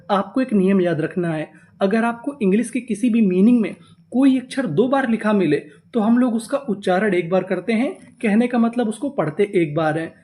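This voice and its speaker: A man teaching a class on reading English words, patiently spelling out letters, asking questions back and repeating each word slowly. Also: high-pitched, darkish tone. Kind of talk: step-by-step spoken lesson.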